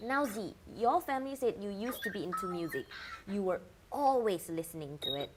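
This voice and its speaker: A woman's voice: mid-range voice, expressive, moderate pace, noisy background, natural voice. A woman playing a glib, vain male talk-show host in a scripted satire, wisecracking and stammering. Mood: wry.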